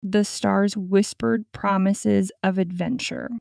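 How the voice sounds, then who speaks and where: A woman in her twenties voicing a young female dreamer who tells her own story, speaking slowly and clearly and saying each sentence twice. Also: medium pitch, level tone, darkish tone, no echo, clean studio sound. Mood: calm. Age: 20s. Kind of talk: scripted story for repeat-after practice.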